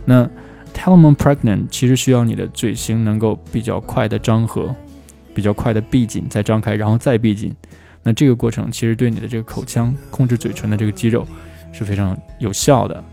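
A man teaching English pronunciation, who slows down to drill phrases again and again. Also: fairly low pitch, steady tone, creaky, warm tone, soft background music. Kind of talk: spoken language lesson.

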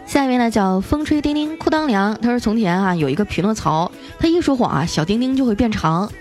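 A woman with a somewhat high, animated voice and a darkish tone reads listener jokes on air over soft music. Her delivery is playful and chatty, with teasing asides of her own and drawn-out particles, keeping the comic reading lively.

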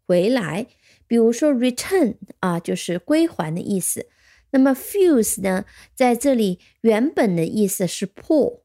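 A woman's voice: medium pitch, mellow. A woman teaching English vocabulary, patiently explaining words and spelling them out letter by letter. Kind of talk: vocabulary lesson.

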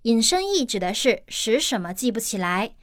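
A woman's voice: on the high side, very animated, normal speed, no room sound, studio quality. A woman teacher explaining an English news article in steps, with everyday examples.

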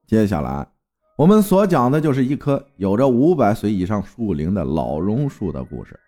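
A man's voice: on the low side, huge pitch swings, moderate pace, mellow, soft background music. A man from Fujian narrating a folk tale in a dramatic storytelling manner. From Fujian, China.

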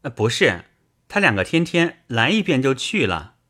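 A man voicing a timid young boy monk who answers hesitantly, filling pauses with uncertain sounds. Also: mid-range voice, sing-song, sharp tone, breathy edge, pitched above the performer's own voice, heavily acted.

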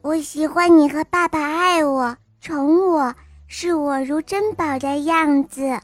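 A woman's voice: high voice, slow, soft background music, voice pushed up. A woman voicing a sweet, affectionate little bunny child in a storybook, cooing and childlike.

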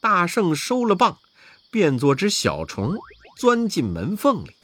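A man narrating a children's story in an expressive, dramatic storytelling manner. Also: high voice, unhurried.

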